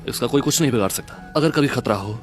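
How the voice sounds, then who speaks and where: A man's voice: mid-range voice, lively intonation, fast talker, faint music behind, natural voice. A man voicing the powerful Dragon Lord, a tender and reassuring father to his son. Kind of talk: Hindi dub of a fantasy drama.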